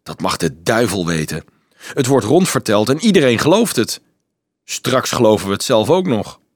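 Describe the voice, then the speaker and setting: A man's voice: medium pitch, moderate pace, no room sound, studio quality. A man voicing a mocking, worldly young male student in an audiobook. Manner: mocking, animated.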